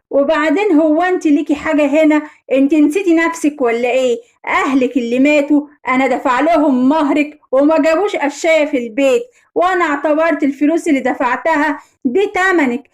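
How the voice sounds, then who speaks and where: A woman with an Egyptian accent voicing a harsh, domineering husband who talks down to his wife in slow, heavy, contemptuous phrases. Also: high voice, lightly acted. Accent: Egyptian Arabic. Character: harsh domineering husband, adult man, scornful.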